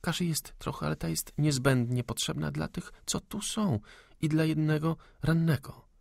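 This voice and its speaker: A man's voice: on the high side, moderate pace, vocal fry, darkish tone, no room sound, clean studio sound, pitched above the performer's own voice. A man voicing a cool, ironic young lady. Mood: cool defiance. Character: young proud lady of the manor, calm and witty.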